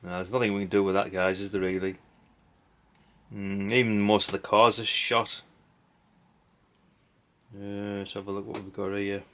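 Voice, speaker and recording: With a lowish, fairly bright voice, a level tone, moderate pace and long pauses, a middle-aged man hosts a hobby video. He sorts old parts while giving off-the-cuff commentary that's chatty, rambling and blunt, peppered with mild swearing and tag questions.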